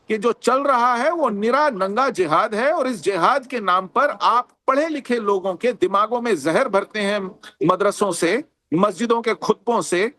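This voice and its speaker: A man's voice: very high voice, a bit bright. A man arguing as a panelist on a TV news debate, emphatic and indignant, building rhetorical points. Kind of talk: heated TV debate argument.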